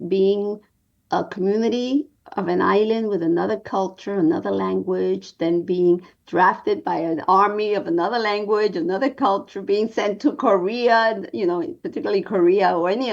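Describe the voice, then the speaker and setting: A woman in her sixties from New York, a documentary producer telling her story in an interview with an earnest, measured manner and many pauses. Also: mid-range voice, vocal fry, a little mellow, lo-fi sound.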